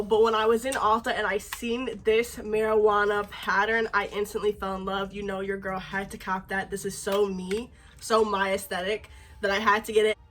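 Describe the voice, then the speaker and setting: A woman's voice: mid-range voice, fairly bright tone, a little hiss or hum. A young woman, tipsy and sassy, chatting in a slangy, giggly way as in a casual makeup vlog. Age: young adult.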